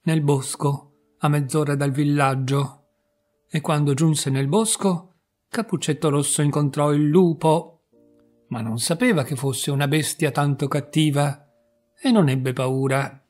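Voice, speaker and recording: A man calmly reading a fairy tale aloud in a measured storytelling manner. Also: a little high. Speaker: narrator. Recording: soft background music.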